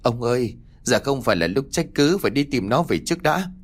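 A man's voice: mid-range voice, expressive, brisk, natural voice. A man voicing an anxious middle-aged village mother who begs tearfully in a raised voice. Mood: tearful begging. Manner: tearful, begging.

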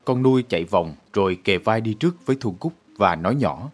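A man reading a story aloud with steady, measured narration. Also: lowish voice, faint music behind.

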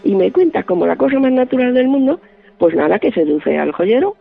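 A man's voice: extremely high pitch, big pitch swings, fairly quick, vocal fry, faint music behind. A male radio guest, telling a story vividly and acting out the lines of the people in it. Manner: vivid, acts out quoted dialogue. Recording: band-limited dry phone-like line.

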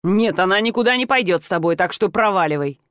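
A woman's voice: mid-range voice, expressive, fast talker, fairly bright tone, dry recording, close to an everyday voice. A stern, bossy young man who snaps short commands at his cousin, voiced by a woman narrator. The speech is clipped and overbearing, read in a plain storybook style. The recording is dry and close. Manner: curt, barking orders. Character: domineering protective male cousin, stern.

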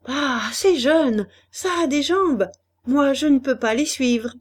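A woman's voice: sits high, slow pace, pitched above the performer's own voice. A woman voicing an indulgent, plump older woman in a storybook reading, cheerful and obliging.

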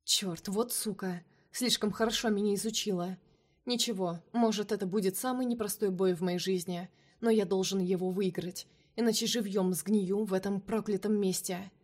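A woman voicing a cunning male vampire king held captive, speaking softly and coaxingly in a storybook reading. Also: mid-range voice, fairly even intonation, moderate pace, natural voice. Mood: scheming. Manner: soft, velvety, coaxing.

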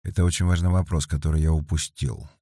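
A man voicing a calm male detective in an audiobook, explaining the case in a measured way. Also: rumbling low, no room sound, clean studio sound.

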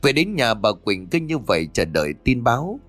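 Expressive man narrating a ghost story. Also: medium pitch, moderate pace, dry recording. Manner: expressive, dramatic. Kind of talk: audiobook horror story narration. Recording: dry close voice with faint music.

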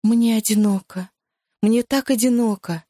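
Casting: woman doing an anguished young woman, higher and louder, tearful accusations. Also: a little slow, no echo, clean studio sound. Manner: raised, tearful, pleading outbursts.

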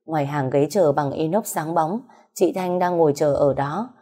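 Low, mellow woman narrating a story. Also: moderate pace.

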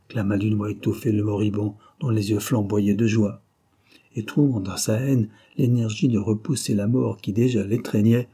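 A man narrating a novel in a steady, measured reading. His voice sits low, with a mellow darkness and a husky grain. The delivery stays even and unhurried. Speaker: audiobook narrator.

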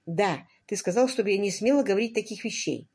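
A woman's voice: medium pitch, lively intonation, brisk, darkish tone, breathy edge. A woman reading an audiobook, voicing a spirited young woman who teases and presses her partner insistently. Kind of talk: audiobook character voice.

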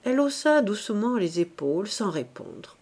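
Expressive woman reading a novel. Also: medium pitch, slightly rough. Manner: measured, expressive storytelling. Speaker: audiobook reader. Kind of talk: scripted narration of a classic novel.

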